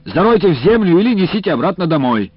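A man's voice: on the low side, lively intonation, normal speed, no echo, natural voice. A man voicing a stern male procurement official who questions people in curt, bureaucratic bursts. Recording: dull, dry lo-fi audiobook recording.

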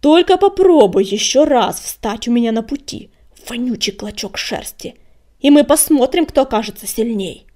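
A woman's voice: on the high side, animated, moderate pace, darkish tone. Menacing huge tomcat warrior, read by a woman, hissing threats, arrogant and vengeful. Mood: scornful threat.

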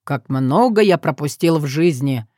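A woman's voice: deep voice, animated, a little slow, mellow, dry recording, clean studio sound. A woman reading a storybook, voicing a curious, wryly amused man.

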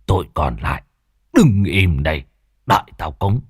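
A man voicing a stern elderly village elder who barks gruff orders in a hoarse, husky voice. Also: low voice, sing-song, unhurried, no echo, clean studio sound, heavily acted. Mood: commanding.

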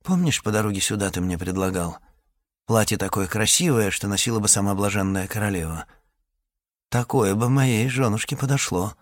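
A man's voice: lowish voice, animated, normal speed, dry recording, studio quality, close to an everyday voice. A man voicing a sly abbot who laments theatrically to trick a ferryman, read as an audiobook. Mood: coaxing. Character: sly male abbot, mock-lamenting, calculating.

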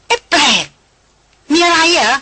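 A woman's voice: sits high, voice pushed up. A woman reading an audiobook voices an imperious young noblewoman who fires off scolding, impatient questions. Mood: irritated demanding. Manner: sharp, scolding, rapid-fire questions.

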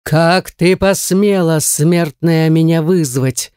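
A woman voicing a huge, menacing male dark god who speaks slowly and mockingly in a low voice. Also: clear, resonant tone, no room sound, clean studio sound.

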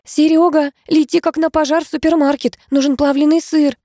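Female narrator doing a shrill, flustered young waitress; high, loud, drawn-out. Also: expressive, no room sound, clean studio sound. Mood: bewildered.

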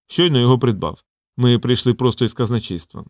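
A man's voice: mid-range voice, quick pace, dry recording, studio quality, natural voice. A man voicing a blunt, clipped old man.

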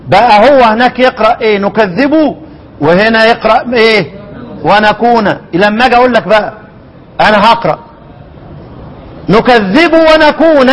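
High-voiced Egyptian teacher quizzing listeners. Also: male voice, poor audio. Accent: Egyptian Arabic. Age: older. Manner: repeats words slowly, quizzes listeners with questions. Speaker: teacher of Quran recitation. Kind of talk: explaining a recitation poem line by line.

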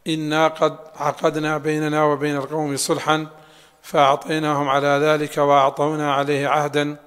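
Man reciting text in a flat voice. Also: fairly high pitch, smooth. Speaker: student reading a text aloud. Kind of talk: reading a classical text aloud. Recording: long hall reverb.

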